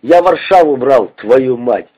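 A man's voice: mid-range voice, expressive, a little slow, mellow. A man voicing an angry one-legged male war veteran on crutches who curses and threatens, in a dull lo-fi recording. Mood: furious. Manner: cursing, threatening.

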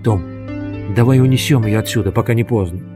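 A man voicing an earnest, imaginative boy who talks in quick, hushed, urgent bursts in a storybook reading. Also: on the low side, over music, natural voice.

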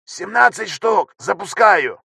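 A man voicing a frantic young male ship technician who shouts rapid reports over the intercom, in an audiobook reading. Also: high voice, expressive, vocal fry, slightly rough, no echo, studio quality, voice pushed up, full character voice. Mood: shouting urgently.

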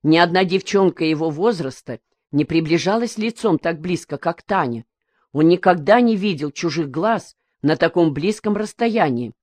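A woman audiobook reader narrating a novel in an even, measured storytelling manner. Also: lowish voice, dry recording.

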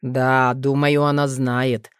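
A calm dragon father, as a woman narrator puts him on, speaks in a deep, low, steady voice. He reassures his small sons gently and patiently. The audiobook sound is close and dry, with no room around it. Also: measured pace, no echo. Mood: calm, reassuring. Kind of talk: audiobook reading.

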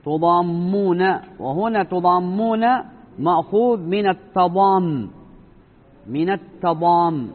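A man teaching a religious lesson, explaining slowly, repeating and stretching key words and asking rhetorical questions. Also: high-pitched. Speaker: sheikh teaching Islamic creed. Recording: tinny phone-like lecture recording.

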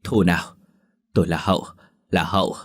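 A man's voice: sits low, steady tone, normal speed. A man voicing a possessed young village girl, wailing to be let go, in a ghost story. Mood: frantic.

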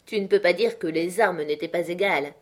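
A woman's voice: fairly low pitch, a little fast, lightly acted. A woman reader voicing a meek, good-natured husband who teases his brother-in-law. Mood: teasing.

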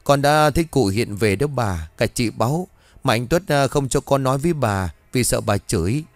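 Scared young servant girl, pleading and jumpy, read by a man narrator; lively pitch, dry recording. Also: normal speed, no echo, faint music behind, natural voice. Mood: frightened pleading. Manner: pleading, fearful.

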